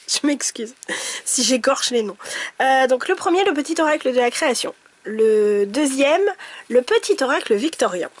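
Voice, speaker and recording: Giggly high-voiced woman, chatty. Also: lively intonation, moderate pace. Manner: chatty, giggly, with many fillers and restarts. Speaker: tarot and oracle card reader. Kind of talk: casual chat to camera.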